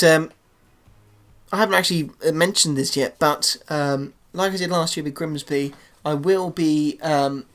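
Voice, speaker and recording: Excitable man commentating a football game. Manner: excitable, shouts goals then drops to a low murmur. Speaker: gaming YouTuber. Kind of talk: live commentary over a football video game.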